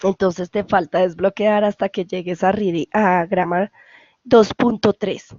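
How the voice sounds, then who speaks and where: A woman's voice: mid-range voice, steady tone, a little slow, darkish tone, no room sound, lo-fi sound. Patient Colombian woman tutoring English. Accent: Colombian Spanish. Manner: patient, repeats and checks for questions. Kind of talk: online class explanation. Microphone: video call.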